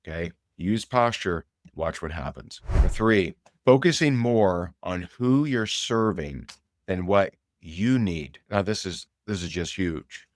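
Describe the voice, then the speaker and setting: A man's voice: deep voice, dry recording, studio quality. A middle-aged man hosting a show, coaching on sales in a casual, emphatic, storytelling way. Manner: energetic, emphatic, repeats key points. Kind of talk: motivational sales talk.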